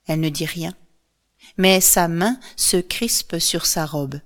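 A woman narrating a myth as a storybook, calm and measured. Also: on the low side.

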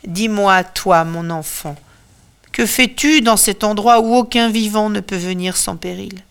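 A woman voicing the ghost of a loving older mother who speaks slowly and tenderly. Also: mid-range voice, creaky, smooth.

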